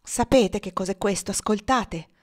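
A woman reading the part of a calm, cunning enslaved woman who speaks with icy mockery. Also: medium pitch, lightly acted. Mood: sly taunting. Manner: icy and mocking, slow and quiet.

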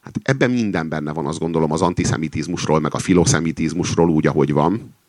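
A man's voice: extremely low pitch, a little mellow, dry recording. A man reading satirical fiction aloud with commentary, in a dry, ironic storytelling manner. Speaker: reader and commentator.

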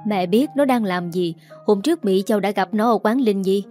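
A woman voicing a scornful middle-aged stepmother, a teacher, who scolds in a haughty, shrill way. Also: normal speed, dark tone, faint music behind, close to an everyday voice.

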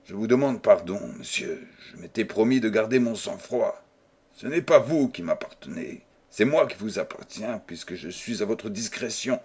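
A man's voice: fairly low pitch, animated, moderate pace, darkish tone, husky. A man reading an audiobook voices a proud old baron who scolds a young man with stiff, formal indignation. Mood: cold, formal. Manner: indignant, stiff and formal, then coldly businesslike. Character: stern proud old male baron, outraged.

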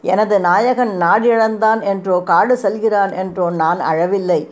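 A woman's voice: medium pitch, unhurried, lightly acted. A woman voicing Sita, a devoted young princess, in a pleading, poetic manner in a storybook reading.

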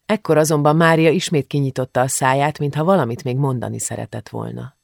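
Gravelly male audiobook narrator. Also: mid-range voice, fairly even intonation, no room sound, studio quality. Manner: measured, grave reading.

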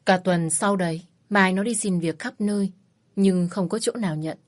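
A woman reading a first-person story in a measured, plain storytelling manner. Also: mid-range voice. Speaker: narrator.

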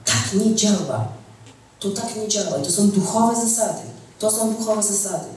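A woman's voice: mid-range voice, normal speed, a little mellow. Emphatic woman preaching in an echoey hall. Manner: emphatic, repeats key phrases, asks "tak?". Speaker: women's teacher. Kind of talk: church teaching. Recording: echoey room, mic far off, faint noise.

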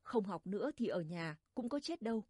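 Woman doing little brother fretting and reasoning, soft husky voice, dry close sound. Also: medium pitch, sing-song, normal speed, no room sound. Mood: worried. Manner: gentle, reasoning, worried. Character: worried young village brother, gentle and guilty.

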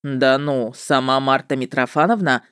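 A woman's voice: extremely low pitch, moderate pace, no room sound, clean studio sound. A woman voicing a brash, businesslike young male witcher who talks in a curt, offhand, mildly mocking way, in an audiobook reading.

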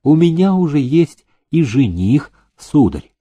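A man voicing a merry, bold young village girl who speaks calmly in a playful, sing-song way, in a storybook reading. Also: fairly high pitch, measured pace, breathy edge, dull audio, heavily acted.

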